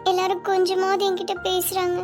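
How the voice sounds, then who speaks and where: Teary pregnant cartoon girl, very high voice, pleading. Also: completely flat delivery, brisk, music in the background. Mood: tearful. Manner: tearful, pleading. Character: anxious pregnant young woman Anjali.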